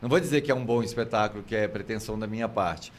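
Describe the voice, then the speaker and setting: An older man, a theater actor chatting casually and telling anecdotes with lively expression. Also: lowish voice, racing. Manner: expressive storyteller, acts out anecdotes. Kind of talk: casual chat.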